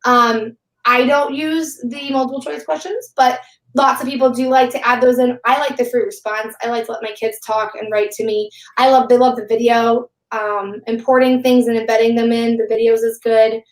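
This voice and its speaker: A woman's voice: on the high side, fairly even intonation, moderate pace, roomy sound, low-quality recording. A woman teacher chatting casually on a live webinar, rambling and filling her talk with "like". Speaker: teacher and guest.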